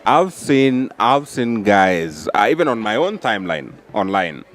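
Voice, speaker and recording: Man, low pitch, measured, hesitant, political talk show. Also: sing-song. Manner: measured, hesitant, many "uh" pauses. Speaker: podcast co-host. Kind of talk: political debate.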